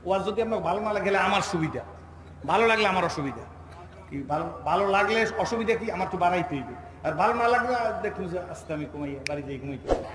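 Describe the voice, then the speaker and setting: A Bangladeshi man, preaching a sermon at an outdoor religious gathering and teasing the crowd into shouting responses. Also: high-pitched, expressive, fast. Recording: echoey outdoor PA with crowd noise.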